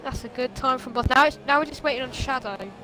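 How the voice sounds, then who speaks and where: A woman co-commentating a sim race casually, excitable and teasing. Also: sits high, quick pace, noisy background.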